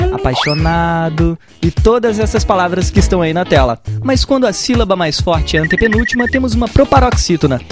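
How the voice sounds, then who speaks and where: A man presenting a short grammar lesson, speaking slowly and clearly with playful examples. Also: high voice. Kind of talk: scripted educational narration. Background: music.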